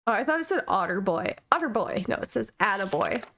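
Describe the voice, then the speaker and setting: A woman's voice: mid-range voice, big pitch swings, gravelly, a bit bright, a little hiss or hum. Chatty woman streaming a game. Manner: chatty, amused, reacts with quick asides. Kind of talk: casual live-stream commentary, reading game text aloud.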